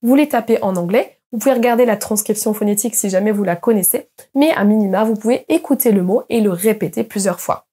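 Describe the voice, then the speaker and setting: A young woman giving an online pronunciation lesson as an English teacher, explaining patiently and slowly modeling example words. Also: mid-range voice, warm tone, husky.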